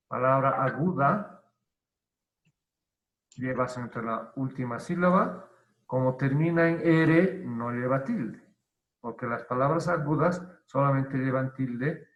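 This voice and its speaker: Man teaching grammar online, slow and methodical, roomy echo on a dull lo-fi feed. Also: medium pitch. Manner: deliberate, repeats key terms, asks and answers own questions.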